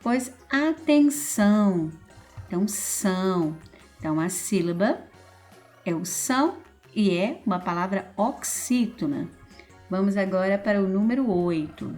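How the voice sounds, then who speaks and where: A woman's voice: mid-range voice, expressive, darkish tone, faint music behind. Patient Brazilian woman teacher. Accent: Brazilian Portuguese. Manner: slow, patient, stretches key words, often adds "então" and "ó". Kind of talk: correcting school exercises aloud.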